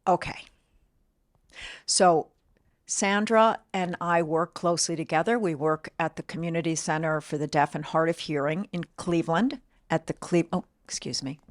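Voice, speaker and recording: A woman's voice: sits low, normal speed, dry recording, clean studio sound. A woman co-presenting an informal talk, explaining things plainly and checking in with rhetorical questions. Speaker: co-presenter from a deaf services center.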